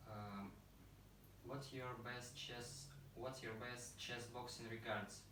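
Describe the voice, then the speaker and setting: A man's voice: medium pitch, steady tone, takes it slowly. A man whose first language is Russian, interviewing in English, hesitant and searching for words with many fillers. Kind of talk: casual interview questions. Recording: very echoey, distant, noisy room.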